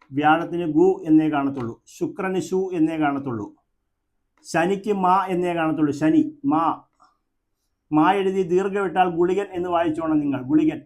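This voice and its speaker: A man who is a temple priest and astrologer, speaking with a Kerala Malayalam accent and explaining a horoscope slowly, counting houses aloud and answering his own questions, in a room with a fan running. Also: on the high side, a little mellow. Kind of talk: astrology lesson to camera.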